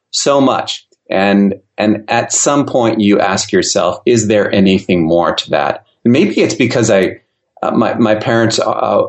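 A man who grew up in Austria and Germany, talking casually and reflectively as a podcast interview guest. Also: on the low side. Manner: reflective, loose, with many fillers and restarts. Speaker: podcast guest, travel consumer advocate.

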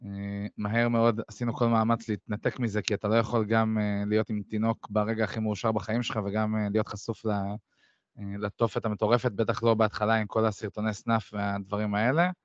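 A man in his thirties co-hosting a podcast, talking reflectively and often pausing on fillers. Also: fairly low pitch, flat delivery, no room sound. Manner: reflective, many hesitant fillers. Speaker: podcast co-host. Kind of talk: casual podcast chat. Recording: dry, slightly dull sound.

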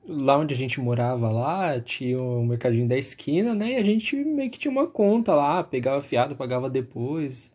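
A young man, co-hosting a podcast in a relaxed, teasing way. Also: mid-range voice, breathy edge. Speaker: podcast co-host. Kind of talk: casual podcast chat.

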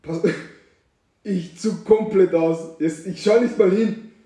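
A young man tells a story to his friends, slangy and animated, acting out the scenes. His voice is a little high and mellow. The room around him is echoey. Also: slow, recorded from a distance. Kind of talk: casual storytelling among friends.

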